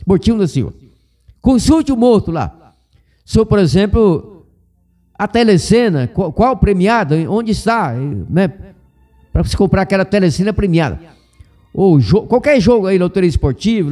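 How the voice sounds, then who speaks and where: Goiás guy preaching on the radio, high mellow voice, rambly and jokey, bit of music behind. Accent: Goiás Brazilian Portuguese. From Brazil. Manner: rambling, joking asides, self-corrections. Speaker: radio Bible teacher. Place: radio studio.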